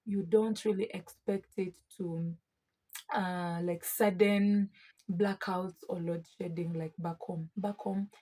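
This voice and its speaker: Casting: young woman vlogger, Ugandan East African accent, mellow husky tone, chatty and emphatic delivery. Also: mid-range voice. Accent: Ugandan East African English. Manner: emphatic, expressive, often addressing listeners as friends. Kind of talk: casual chatty vlog addressed to viewers.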